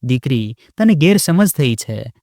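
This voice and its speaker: A man's voice: medium pitch, sing-song, unhurried, dark tone, dry recording, clean studio sound. A man voicing a humble old father-in-law who speaks in a trembling, pleading way. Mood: hurt.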